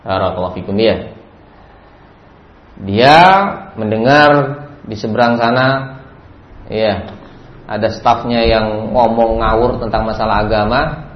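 A man's voice: fairly low pitch, fairly even intonation, takes it slowly, long pauses. A male preacher giving a religious study lecture, who keeps repeating a stock blessing and chants Arabic phrases in a raised voice. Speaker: Islamic preacher. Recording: dull, roomy lecture recording with faint noise.

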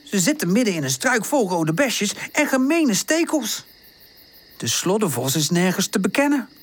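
Expressive woman reading a children's storybook. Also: medium pitch, moderate pace. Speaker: audiobook narrator.

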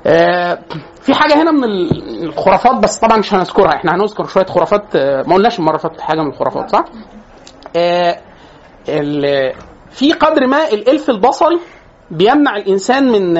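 An Egyptian man lecturing on psychology at a very fast clip, breezy and joking as he talks to his class. He keeps cutting himself off and starting over. The recording is dull and lo-fi with a faint hum of ambience behind him. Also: sits high. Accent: Egyptian Arabic. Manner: chatty, joking, restarts mid-phrase.

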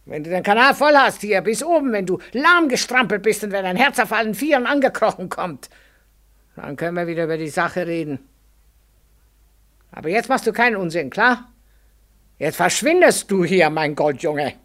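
A woman playing a gruff old river spirit. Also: animated, normal speed, a bit bright, natural voice. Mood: gruff scolding. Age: older. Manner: blunt, coarse, mocking, lowers to a murmur. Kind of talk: 1940s radio drama acting.

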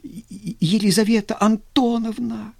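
A man's voice: sits high, steady tone, takes it slowly, creaky, a little mellow, pitched above the performer's own voice, heavily acted. A man reading a story, voicing an impulsive young cadet who stammers and pleads breathlessly. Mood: desperate pleading.

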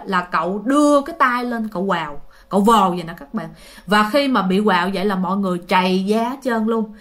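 A woman's voice: fairly high pitch, fairly bright tone. A woman narrating a ghost story in a chatty way, often addressing her listeners directly.

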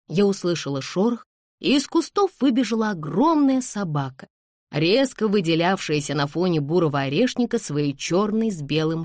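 A woman narrating an audiobook in a measured storytelling manner. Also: fairly low pitch, darkish tone, no room sound, studio quality.

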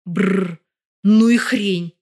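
A woman's voice: mid-range voice, drawn-out words, a little mellow. Woman reading a tough mocking young woman in an audiobook, sly and brash.

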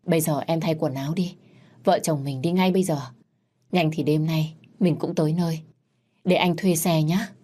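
A woman reading the part of a young father who pleads urgently on the phone, her voice low and dark. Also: steady tone, moderate pace, slightly rough. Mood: hurried.

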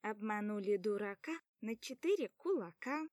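A woman voicing a tipsy young woman who exclaims loudly and drags out her words. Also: medium pitch, expressive, no echo, studio quality, lightly acted. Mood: drunk, giddy. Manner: loud, drawn-out exclaiming.

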